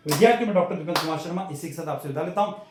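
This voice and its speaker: A man with a high voice gives a recorded video lesson, asking questions and then answering them himself. He sounds distant from the microphone. His voice rings in a heavily echoing room. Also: animated, very fast, noisy background. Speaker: teacher. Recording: very echoey room, far from mic.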